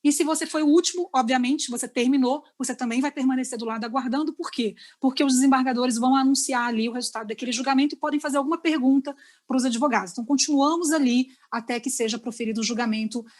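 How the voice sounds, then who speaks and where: A woman's voice: high voice, fast talker, a little mellow. A woman with a Brazilian accent giving an online lecture to lawyers, explaining step by step and often checking in with her listeners over a video call. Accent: Brazilian Portuguese.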